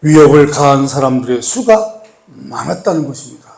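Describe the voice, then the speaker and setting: A man preaching a sermon as pastor. He asks the congregation questions, repeats key words, and moves between raised, emphatic lines and soft, hushed pleading. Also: medium pitch, animated, moderate pace. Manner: addresses the congregation with rhetorical questions and repetition.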